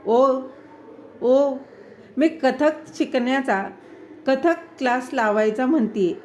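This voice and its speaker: A woman's voice: high-pitched, takes it slowly, a little hiss or hum. A woman voicing a timid middle-aged housewife who stammers and later cries out, in a storybook reading. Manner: hesitant, stammering, then shouting through tears.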